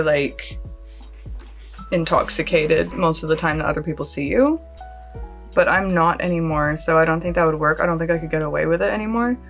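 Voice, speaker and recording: This beauty vlogger's voice sits on the low side. In her late thirties and from Australia, she speaks with a largely Californian accent that lets bits of Australian through. She's at home by a close lamp, chatting and rambling through a casual makeup tutorial, self-deprecating and laughing a lot.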